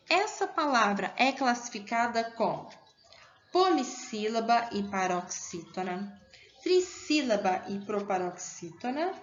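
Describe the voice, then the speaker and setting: A woman's voice: on the high side, fairly bright tone, muffled recording. Encouraging Brazilian woman teaching young pupils. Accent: Brazilian Portuguese. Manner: patient, encouraging, asks pupils questions. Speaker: primary school teacher. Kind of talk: recorded online class.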